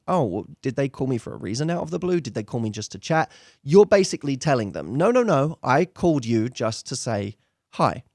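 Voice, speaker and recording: This man, a show host who works as a dating coach, speaks in a medium-pitched, slightly mellow voice on a dry, clean studio recording. He addresses viewers directly and emphatically, slipping at times into acted-out sample conversations.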